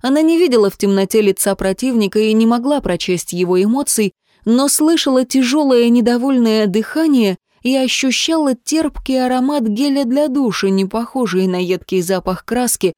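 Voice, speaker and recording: A woman's voice: on the high side, moderate pace, darkish tone, dry recording. Woman reading with drama, dry sound. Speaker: narrator. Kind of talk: audiobook narration of a romance novel.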